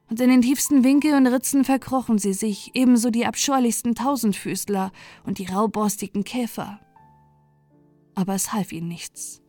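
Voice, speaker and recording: A woman gently narrating a bedtime fairy tale, soft and sometimes dropping to a whisper. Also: mid-range voice, dry recording. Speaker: storyteller. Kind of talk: calm bedtime story narration.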